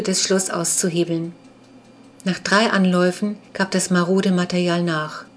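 Woman reading a kids' book chapter out loud, kind of low voice, steady clear storytelling, faint hiss in the background. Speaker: audiobook narrator.

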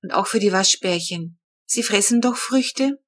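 A woman voicing a shy, grateful older female neighbor in a storybook reading, speaking slowly and softly. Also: medium pitch, lightly acted.

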